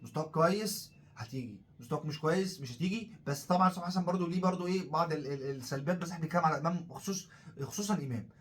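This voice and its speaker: A man with an Egyptian Arabic accent, co-hosting a casual football talk show, blunt and critical in quick bursts. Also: fairly high pitch, a little hiss or hum. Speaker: co-host of a football talk channel.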